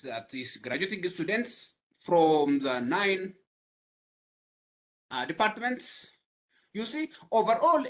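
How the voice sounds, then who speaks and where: A young man with an Ethiopian accent giving an academic talk on a video call, pausing often with fillers. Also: fairly high pitch, fairly bright tone. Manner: halting, frequent pauses and fillers. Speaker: webinar presenter. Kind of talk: academic presentation.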